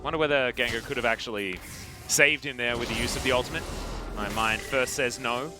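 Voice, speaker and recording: A man with an Australian accent calling esports play-by-play, excitable and jokey. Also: medium pitch, music in the background. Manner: excitable, jokey, fast bursts of rising calls. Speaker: esports caster. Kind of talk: play-by-play commentary.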